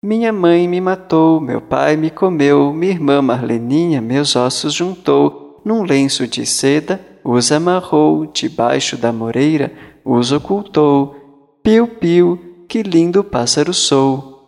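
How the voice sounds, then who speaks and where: A man voicing a magical songbird in a slow, sing-song chant. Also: fairly high pitch, animated, darkish tone, in a large hall. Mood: eerie chant. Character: magical songbird, eerie and insistent.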